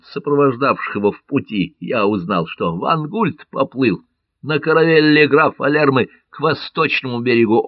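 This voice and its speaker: A man doing a gruff wounded buccaneer. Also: medium pitch, no room sound, highs cut off, pitched above the performer's own voice, lightly acted. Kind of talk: audiobook character voice.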